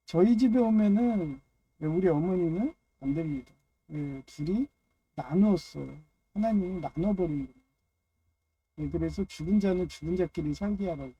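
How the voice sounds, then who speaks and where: A man's voice: a little high, dark tone, husky, dull audio. A man giving a loose, rambling personal monologue on faith and family, dropping frequent "yes" fillers between phrases. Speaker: speaker of a personal religious talk.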